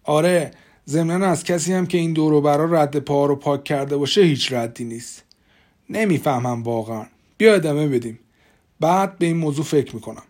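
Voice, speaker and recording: A man reading a calm, methodical sheriff. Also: a little high, lightly acted. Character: small-town male sheriff, calm and methodical.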